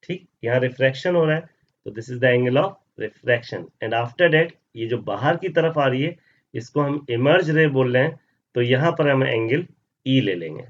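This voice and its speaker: A man's voice: mid-range voice, lively intonation, unhurried. Guy teaching physics, keeps asking then answering, kinda dull lo-fi audio. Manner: asks questions then answers them himself; mixes Hindi with English terms. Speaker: science teacher. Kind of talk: classroom lesson explaining over slides.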